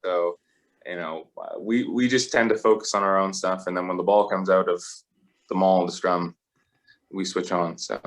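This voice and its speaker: Low-voiced young man, easygoing. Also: fairly even intonation, normal speed. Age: 20s. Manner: easygoing, rambling with frequent fillers. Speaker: rugby player guest. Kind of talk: casual interview chat.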